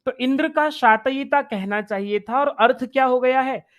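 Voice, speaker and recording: A man's voice: very high-pitched, normal speed, fairly bright tone, clean tone. A man teaching Sanskrit in an online exam-prep lecture. He explains step by step, repeats phrases and chants Sanskrit verses.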